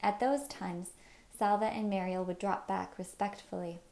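Mellow woman reading a story aloud. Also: mid-range voice, steady tone, normal speed, vocal fry. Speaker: narrator. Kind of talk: audiobook narration.

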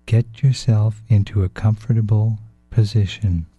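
A man narrating a guided relaxation in a soft, hushed, calm and unhurried way, as a meditation guide. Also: on the low side, breathy edge, soft background music. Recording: dull, roomy, echoing sound.

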